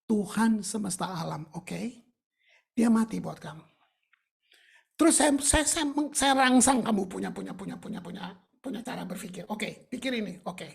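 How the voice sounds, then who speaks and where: A woman's voice: mid-range voice, lively intonation, moderate pace, gravelly, a little mellow, slightly rough. A woman preaching a sermon in a colloquial, emphatic way, with English phrases mixed in.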